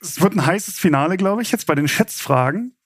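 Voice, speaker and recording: A man's voice: sits high, lively intonation, brisk, a bit bright, slightly rough, dry recording, studio quality. A man speaking as an informal game show host, chatty and explanatory as he runs a quiz. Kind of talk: casual game show hosting.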